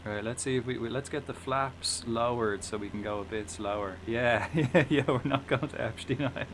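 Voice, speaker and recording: An Irish man chats casually as he streams a game, with a clear drone of engine noise behind him. His voice sits at a middling pitch. He rambles, swears freely and talks back to his viewers as he plays. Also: fairly quick, a bit bright. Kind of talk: casual live gaming commentary while playing a flight simulator.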